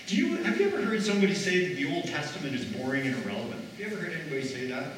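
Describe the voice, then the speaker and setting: A man preaching a sermon as a pastor, animated, slipping into the voices of the people he quotes. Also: fairly high pitch, racing, a little hiss or hum. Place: large hall or church. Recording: echoey hall from far off.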